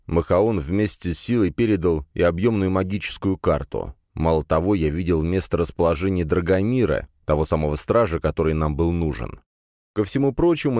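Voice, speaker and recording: Deep-voiced male audiobook narrator. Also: dry recording, clean studio sound. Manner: steady first-person storytelling.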